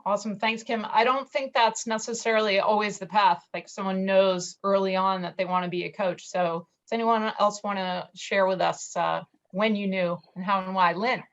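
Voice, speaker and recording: A woman's voice: medium pitch, fairly even intonation, normal speed, few pauses. A woman moderates a coaching panel, introducing speakers and asking questions in a friendly, upbeat tone. The sound is dull and lo-fi. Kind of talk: panel discussion.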